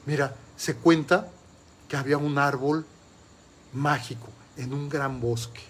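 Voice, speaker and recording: Male life coach, motivational talk, rhetorical questions, deliberate stress on listed words, mid-range voice. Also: mid-range voice, steady tone, slight background noise. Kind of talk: motivational talk with a told story.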